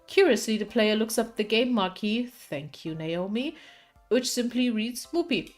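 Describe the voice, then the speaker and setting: A woman's voice: fairly high pitch, expressive, measured pace, soft background music. A young woman streamer reading a visual novel aloud, playful and chatty, laughing often.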